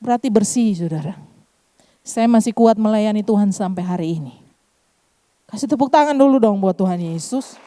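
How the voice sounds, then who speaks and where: Mellow-voiced woman pastor preaching. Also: mid-range voice, animated, normal speed, long pauses. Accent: Eastern Indonesian, Kupang Malay. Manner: addresses congregation as "saudara" often. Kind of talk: sermon with personal testimony.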